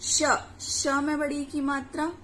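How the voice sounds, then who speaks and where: A woman teaching children their letters, drawing out each syllable slowly for them to repeat and checking in with questions to the class. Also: sits high, completely flat delivery, a bit bright. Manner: slow, drawn-out syllables for repetition. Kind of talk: children's Hindi letters lesson. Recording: echoey room with faint ambient noise.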